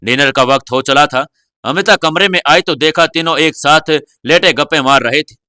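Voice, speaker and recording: Guy narrating an audio novel, bright voice, dry close sound. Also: fairly high pitch, normal speed, clean tone, dry recording. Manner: steady storytelling.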